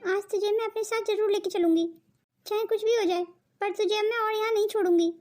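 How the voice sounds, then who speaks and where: A woman voicing a gentle, earnest young mother in a cartoon. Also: very high-pitched, fairly even intonation, fairly quick, faint music behind. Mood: tender. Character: loving worried young mother, pleading. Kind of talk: cartoon voice acting.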